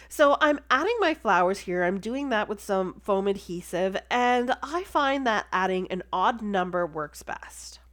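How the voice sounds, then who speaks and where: A woman's voice: mid-range voice, fairly bright tone. Stuffy-nosed woman narrating a craft tutorial. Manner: chatty and enthusiastic. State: stuffy, congested. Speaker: card-making crafter. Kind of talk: casual crafting tutorial voice-over.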